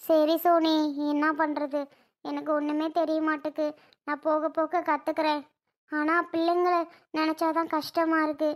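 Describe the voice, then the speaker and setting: A woman's voice: high-pitched, flat delivery, moderate pace, close to an everyday voice. A woman voicing a confused, fretful young mother who has lost her memory, complaining and bewildered. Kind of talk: cartoon voice acting.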